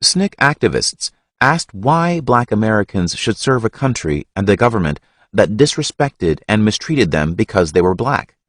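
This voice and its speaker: A man reading a history audiobook in a measured, expressive narration. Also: low voice, no room sound, clean studio sound.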